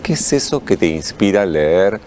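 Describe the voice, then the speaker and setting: A man's voice: low voice, very animated, normal speed, background noise. A man with an Argentine accent interviewing a guest, asking playful, teasing questions. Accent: Argentine Spanish. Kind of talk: casual interview chat.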